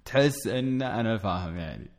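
A man's voice: lowish voice, expressive, fairly quick. A man with a Gulf Arabic accent chatting casually as a co-host, questioning and teasing. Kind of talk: casual chat.

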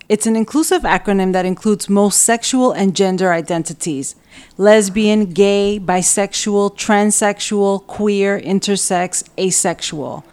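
Medium-pitched woman hosting a podcast. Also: darkish tone. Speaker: podcast host. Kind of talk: hosting an interview.

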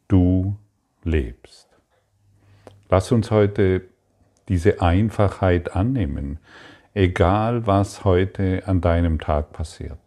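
A man giving a spoken spiritual lesson, calm and repetitive, addressing the listener directly. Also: low-pitched. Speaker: spiritual teacher.

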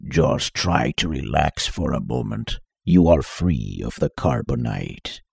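A man doing a calm distorted helmet voice. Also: rumbling low, vocal fry, breathy edge, no echo, studio quality, pitched below the performer's own voice, heavily acted. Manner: calm, soothing, measured. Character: helmeted woman rescuer, calm. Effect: electronically distorted voice.

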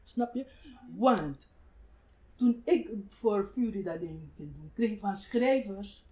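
Older woman, writer, mellow warm voice, animated, reflective conversational storytelling. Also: medium pitch, slow pace. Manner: animated, acts out quoted voices, laughs often.

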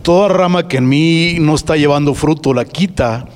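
A man from the class who comments hesitantly and then reads scripture aloud in a steady, measured way. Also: a little high. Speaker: church member in the class. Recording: off-mic in a reverberant hall.

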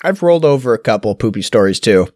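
A man's voice: medium pitch, lively intonation, fast, a little mellow, dry recording, clean studio sound. A man co-hosting a podcast, reading out news stories in a wry, casual way, swearing and restarting his sentences. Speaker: podcast co-host.

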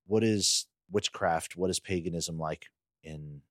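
A podcast co-host talks in a casual, conversational way, his low voice unhurried. The recording is dry, with clean studio sound.

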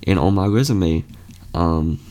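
This late-teen podcast host speaks low, a bit slowly, with a dark tone. His motivational talk is casual yet sincere, and he often fills pauses or starts sentences over.

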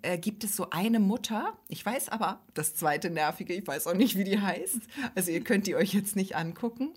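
A chatty woman in her forties co-hosts a relaxed podcast. She tells stories at length, mocking herself and going off on tangents. Her voice sits in a middle pitch. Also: moderate pace, breathy edge. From Germany. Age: 40s. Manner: chatty, storytelling, self-mocking. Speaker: podcast co-host. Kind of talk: casual chat.

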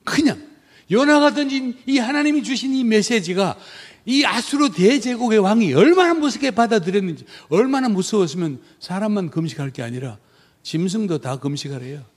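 A man's voice: sits high, lively intonation, normal speed. A middle-aged man who is a missionary, preaching a sermon emphatically and asking the congregation rhetorical questions.

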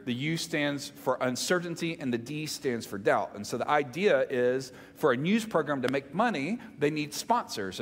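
A man with a Southern US accent preaching conversationally to a congregation, emphatic, repeating phrases and putting questions to his listeners. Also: medium pitch. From Mississippi, United States. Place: large reverberant room, speaking to a congregation. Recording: reverberant hall sound.

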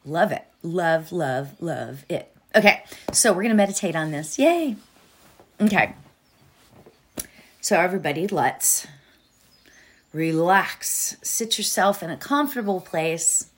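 A woman's voice: on the low side, animated, a little slow, pauses often, slightly rough. A woman teaching meditation and positive thinking in an informal, encouraging manner, repeating phrases for emphasis. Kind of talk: guided meditation and motivational coaching.

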